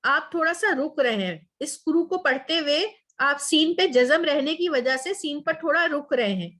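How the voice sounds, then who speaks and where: A woman's voice: high-pitched, animated, moderate pace, a bit bright. A woman teaching a Quran Arabic class online, explaining step by step and checking in with her students often.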